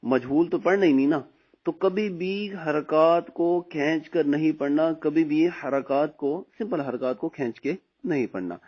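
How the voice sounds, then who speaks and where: A man with a Pakistani Urdu accent teaching Quran reading in a recorded lesson. He patiently explains, often says "theek hai", and slowly draws out letter sounds when he recites them. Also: a little high. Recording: dull lo-fi recording.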